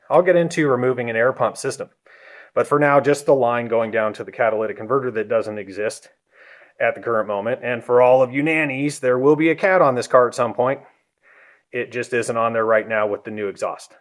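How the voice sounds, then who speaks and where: In a garage, a car hobbyist vlogger gives a casual how-to walkthrough of an engine. His mid-range voice rambles in a relaxed way, full of ums and self-corrections, and he sounds a little out of breath.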